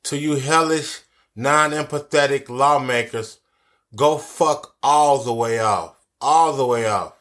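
A man's voice: medium pitch, slow pace, a bit bright. A man giving angry social commentary, cursing a lot and repeating his key phrases for emphasis. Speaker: commentary vlogger.

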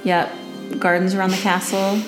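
A woman chatting casually as a co-host, reacting quickly and laughing often. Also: mid-range voice, flat delivery. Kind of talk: casual chat. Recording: roomy sound with music behind.

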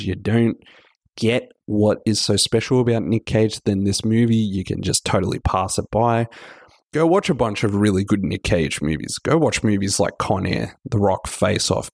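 A man's voice: lowish voice, normal speed, gravelly, a little mellow, no echo, studio quality. A man with a sick voice, hosting a podcast and chatting casually through a film review. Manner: chatty, loose, self-correcting.

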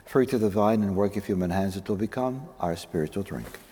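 A male priest prays the liturgy in a soft, mellow voice that sits fairly low. His phrasing is solemn and measured, and it rings through a long cathedral echo with some noise around it. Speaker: priest celebrating Mass.

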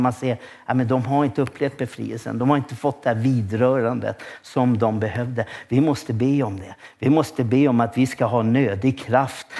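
A male pastor giving a church sermon, telling stories with lots of restarts and bursts of excitement. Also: medium pitch. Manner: lively storytelling with frequent restarts and rising excitement.

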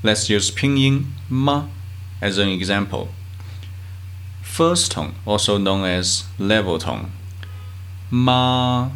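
A man from China, hosting a language podcast, reading out sounds one by one and enunciating each with long pauses. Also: on the low side, big pitch swings, a bit bright, clear, resonant tone. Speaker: language teacher and podcast host. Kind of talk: slow pronunciation drill.

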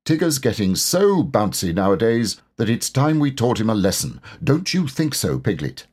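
A man's voice: lowish voice, very animated, moderate pace, a little mellow, slightly rough. A man voicing a bossy, self-important rabbit in a storybook, explaining things in a pompous and earnest manner. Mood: earnest, brisk.

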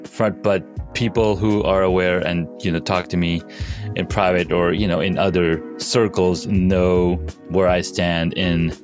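A man's voice: deep voice, fairly even intonation, a little slow, over music. A man from Pakistan, a podcast guest, talking casually with many fillers and restarts. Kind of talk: casual interview talk.

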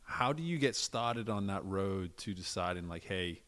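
A deep-voiced man hosting a podcast. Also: animated, fairly bright tone. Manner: measured, reflective questioning. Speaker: podcast host. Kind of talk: podcast interview.

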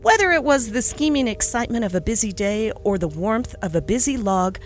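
Reading a classic story aloud, this podcast host and narrator uses a brisk, expressive, lilting delivery. Her pitch travels animatedly through each line while gentle music plays behind her.

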